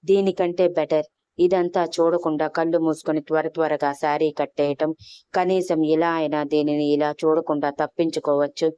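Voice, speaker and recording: Low, smooth-voiced woman storyteller. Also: fairly even intonation, normal speed, dark tone, no room sound, highs cut off. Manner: reads all characters' lines with light changes of tone. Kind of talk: scripted narration of a romance story.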